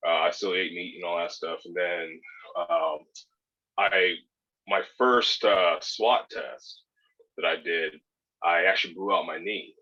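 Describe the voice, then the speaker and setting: This podcast guest, a man in his thirties born in California and raised in Hawaii and Spain, has a low, bright voice that's steady and unhurried, forceful in tone with a breathy edge. He rambles in a laid-back manner with many fillers and restarts, and the audio sounds dull.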